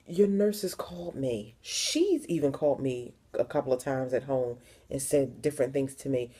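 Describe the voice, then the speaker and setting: Speaking at a moderate pace with plenty of expression, a young Philadelphia-area vlogger addresses the camera directly. Her voice is low, warm and mellow, and she is candid, leaning on repeated words to drive points home.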